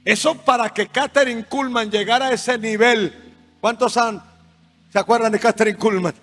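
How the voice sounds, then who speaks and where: A male pastor preaching with passion, swinging between shouts and quiet asides. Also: very high-pitched, steady tone, moderate pace. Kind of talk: sermon. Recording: music underneath, long reverb hall.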